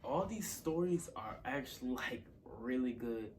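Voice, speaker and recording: A man's voice: medium pitch, expressive, measured pace. A man hosting a reaction video, chatting casually in a loose, offhand way with fillers. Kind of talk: casual chat. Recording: distant mic with hip hop music.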